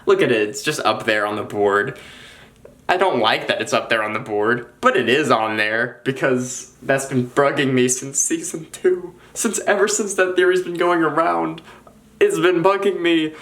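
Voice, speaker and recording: A young man in casual chat as a vlogger, talking in an animated, rambling way with quick restarts. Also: mid-range voice. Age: young adult.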